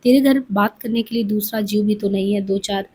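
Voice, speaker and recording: A gentle, consoling old village man in a read-aloud novel, voiced by a woman narrator. He speaks softly, in a mellow, slightly husky tone. He is plainly the reader's own voice. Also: medium pitch, steady tone, a little fast, natural voice. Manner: soft, consoling.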